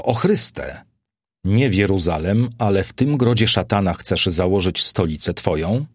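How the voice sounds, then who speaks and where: Old male apostle, fervent preacher, male reader, deep and husky, audiobook. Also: no echo, clean studio sound, heavily acted. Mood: rapturous. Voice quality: solemn, rising to exalted declamation. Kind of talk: audiobook character reading.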